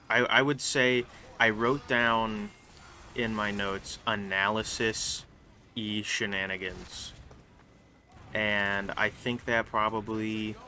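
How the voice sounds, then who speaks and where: Young male gaming host, low-ish but bright, forceful voice, halting stream-of-consciousness talk with a faint hiss behind it. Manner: rambling, halting, with frequent restarts and fillers. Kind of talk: casual live gameplay commentary. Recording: faint background noise.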